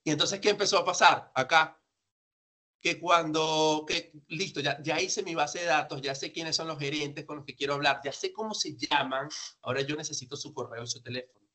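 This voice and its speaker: Speaking at a moderate pace in a slightly high, bright voice with a forceful tone, a sales trainer presents informally, emphatic and conversational, regularly answering the questions he raises. He grew up outside Peru and lives there now.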